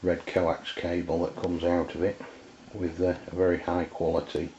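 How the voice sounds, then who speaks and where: With a little hiss or hum in the background, an English-accented amateur radio reviewer from England runs an unscripted product demo. His low-pitched voice is mellow and flat, his wording plain, his pace hesitant and halting, all on a dull lo-fi camera microphone.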